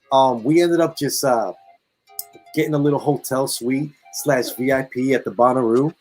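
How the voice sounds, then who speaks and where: Husky-voiced guy telling a story. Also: on the high side, low-quality recording. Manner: animated, acts out quotes in lively voices. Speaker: guest storyteller. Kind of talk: casual storytelling.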